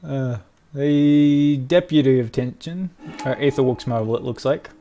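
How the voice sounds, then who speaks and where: A young man giving excitable live commentary on his own card game match, muttering one moment and crying out the next. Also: medium pitch, unhurried, soft background music. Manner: excitable, swings from mutters to loud cries and laughter. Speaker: gaming video creator.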